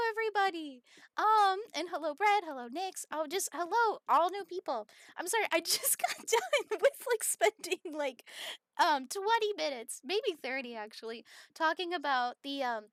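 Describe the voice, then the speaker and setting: A woman live-streaming a game, chatting casually and rambling with many fillers, sometimes bursting into excited squealing greetings to her chat. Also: sits high, dry recording, clean studio sound.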